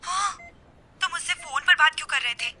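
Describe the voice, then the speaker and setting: A woman's voice: high-pitched, moderate pace, noisy background, natural voice. A woman playing a gushing young woman on the phone. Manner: gushing, mixing English phrases.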